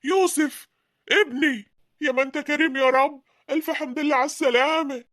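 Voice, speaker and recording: Actor doing devout old egyptian dad, fast prayerful talk, dry sound. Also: mid-range voice, dry recording, close to an everyday voice. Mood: overjoyed. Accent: Egyptian Arabic. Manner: fervent, prayerful. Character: elderly village father, worried and pious.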